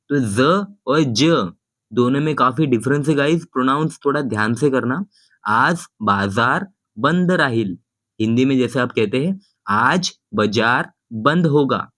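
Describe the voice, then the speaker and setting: A man's voice: medium pitch, pushed and bright, dry recording, studio quality. Man patiently explaining a language lesson. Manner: patient, repeats and contrasts pronunciations, addresses viewers as guys. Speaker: language teacher.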